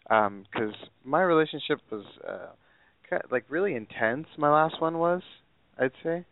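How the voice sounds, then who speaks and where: Gravelly young man over a phone line. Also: fairly high pitch, lively intonation, measured pace, no echo. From Southern California. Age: 20s. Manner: hesitant, rambling with many fillers. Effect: heard over a phone line. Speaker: caller. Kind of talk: call-in advice conversation. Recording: tinny phone line, faint and distant.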